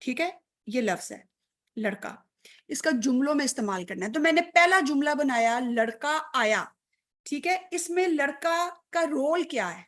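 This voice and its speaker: A woman's voice: high-pitched, lively intonation, a bit bright. A woman teaching an online grammar class, patient, often checking if students follow, mixing English terms into her speech.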